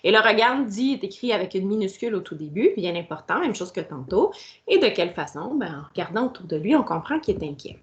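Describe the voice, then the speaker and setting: A woman's voice: medium pitch, very animated, a little fast, highs cut off. Patient teacher woman. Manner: patient, explaining step by step, speaking directly to the pupil. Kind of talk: recorded grammar lesson for children.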